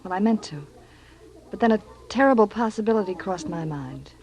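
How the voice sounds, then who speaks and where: An actress playing an anxious young wife, a former actress, in a 1940s radio drama, with a pleading, hesitant manner. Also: female voice, medium pitch, expressive, fairly quick, a little mellow, close to an everyday voice. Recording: old radio broadcast.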